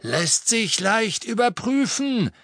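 Narrator guy doing a sneering snatcher boss, pitched up, curt and rough, audiobook. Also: big pitch swings, slow, a bit bright, dry recording, studio quality, heavily acted. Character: brusque adult male snatcher, gang leader. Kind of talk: audiobook character voice.

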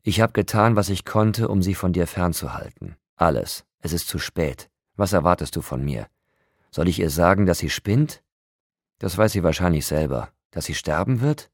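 A hot-headed young werewolf who growls and sneers, as a man puts him on in a storybook. His voice is very deep and gravelly, with a husky edge. It comes across dry and close. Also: expressive, normal speed, dry recording, heavily acted. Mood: angry. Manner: growling, sarcastic. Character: hot-tempered, sarcastic young male werewolf.

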